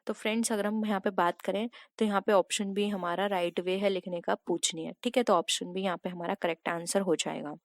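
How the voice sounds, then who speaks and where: A woman's voice: mid-range voice, fairly even intonation, brisk, few pauses, no echo, studio quality. A woman teacher working through exam practice questions, reading out each set of options and then patiently explaining the right answer.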